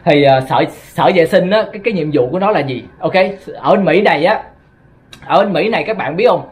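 A man's voice: on the high side, lively intonation, fairly quick. A man from Vietnam with a Southern Vietnamese accent, rambling through a casual monologue to his viewers, often stumbling and repeating words. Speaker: vlogger.

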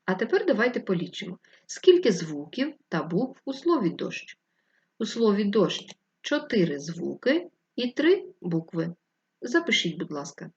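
A woman teacher giving a distance-learning lesson to first graders, dictating instructions slowly and clearly. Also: mid-range voice, very animated, darkish tone, highs cut off. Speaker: primary school teacher.

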